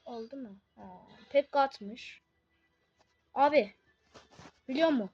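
A woman giving casual live commentary on her own game, excitable, swinging from muttering to shouting. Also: high voice, slow, husky, dull audio, soft background music.

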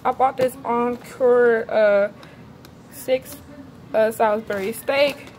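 A young woman with a slightly high voice chats casually through a grocery haul, listing items one by one with plenty of "uh"s and calling her viewers "y'all". She is filmed in her home kitchen on a handheld phone, with clear noise in the background. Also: fairly even intonation, slow pace, a little mellow. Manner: casual, chatty, addresses viewers as y'all, lists items with many fillers. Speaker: vlogger showing a grocery haul.

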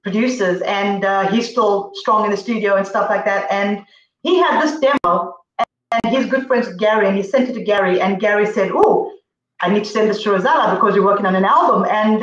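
A woman's voice: mid-range voice, brisk. A middle-aged woman from Zambia, guest singer on a video call, telling stories casually with lots of fillers. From Zambia, grew up in Zimbabwe. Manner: chatty, storytelling with many fillers. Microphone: distant laptop mic on video call. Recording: roomy, distant, dull video call audio.

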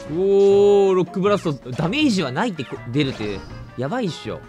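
Kansai-accented male game streamer, wildly animated pitch, joking mock outrage. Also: quick pace, muffled recording, soft background music. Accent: Kansai Japanese. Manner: joking, exaggerated indignation, lively reactions. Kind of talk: let's play commentary.

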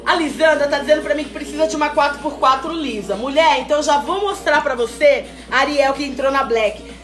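Woman doing a live sale, high voice, chatty and playful, echoey room, music low in the back. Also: fairly quick. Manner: lively, chatty and teasing, calls viewers "mulher". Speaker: host selling wigs on a live stream. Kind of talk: live-stream sales chat reading viewer comments. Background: faint background music.

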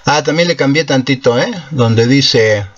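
A man's voice: medium pitch, a little slow, muffled recording. A man, host of a guitar channel, explaining his cover in a rambling, self-correcting way full of fillers. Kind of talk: casual explanation after a sung cover. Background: acoustic guitar.

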